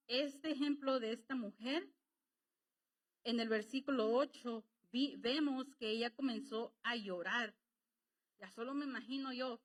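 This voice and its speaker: A woman's voice: a little high, fairly bright tone, low-quality recording. A woman preaching a sermon in Latin American Spanish, conversational and emotional, with rising emphasis.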